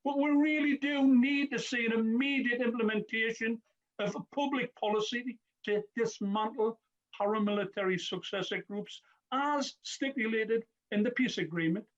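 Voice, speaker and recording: A man's voice: very high voice, moderate pace, muffled recording. A man giving a formal parliamentary speech as a member of parliament, earnest, with occasional stumbles. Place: parliamentary debating chamber.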